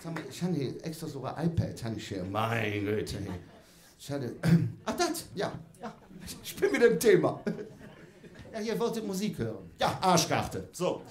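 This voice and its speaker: A man's voice: on the high side, sing-song, moderate pace, roomy sound. A man with a Cologne accent doing live stand-up for an audience, chatty and tacking "ne?" onto nearly every sentence. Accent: Cologne (Kölsch). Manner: chatty, keeps adding "ne?", laughs along. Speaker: comedian on stage.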